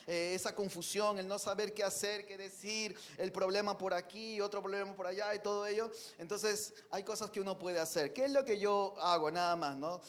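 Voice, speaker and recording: High-voiced earnest male preacher. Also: fairly even intonation, moderate pace, few pauses, fairly bright tone. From Peru. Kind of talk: sermon.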